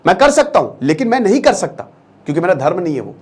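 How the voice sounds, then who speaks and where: A man voicing a powerful, proud old male sage in a retold scripture story, speaking low, quiet and firm. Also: big pitch swings, quick pace, slightly rough, full character voice.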